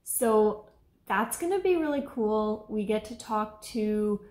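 A vlogger in her thirties chats upbeat and talkative to a camera on a stand in front of her, telling about her day at home in her kitchen and living room. Her medium-pitched voice is a little mellow, and the home room sounds echoey.

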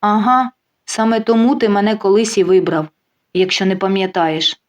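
Жінка озвучує спокійну, гостру на язик дружину, яка сухо й насмішливо відповідає чоловікові. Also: female voice, medium pitch, steady tone, dull audio, close to an everyday voice. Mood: mocking. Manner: dry, mocking, unhurried. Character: calm, sharp-tongued wife getting even.

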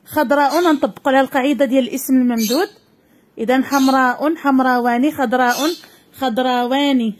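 A woman with a Moroccan accent teaching a grammar lesson to young pupils, dictating slowly and repeating each word. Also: high voice, steady tone.

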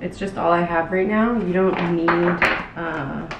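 In her thirties, this cooking show host talks casually and haltingly while cooking, leaning on "like," her voice fairly low and steady. A camera a few feet away in her small tiled-floor kitchen captures roomy, distant audio with loud room noise.

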